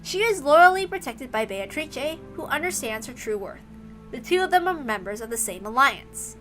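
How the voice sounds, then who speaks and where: A woman with a high, lively voice that's slightly bright narrates a visual novel on stream at a moderate pace. She reads casually and chats informally in between, with music audible behind her.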